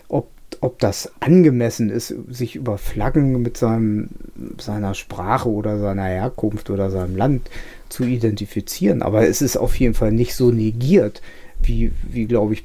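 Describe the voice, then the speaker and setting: Gravelly, rambling podcast host. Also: male voice, mid-range voice, dark tone. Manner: rambling, many restarts and fillers. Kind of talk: casual chat.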